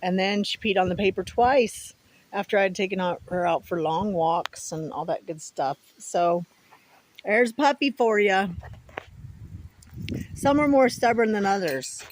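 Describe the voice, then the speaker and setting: A woman's voice: mid-range voice, a little slow. A woman chatting casually to viewers outdoors in a folksy, rambling way, with wind on the mic. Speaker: vlogger. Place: outdoors at home, with pets around.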